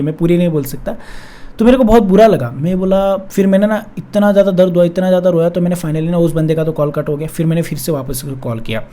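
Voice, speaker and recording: Fast-talking young man, high mellow voice. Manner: emotional, confessional, repeats himself. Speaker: relationship coach. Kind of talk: personal storytelling to camera.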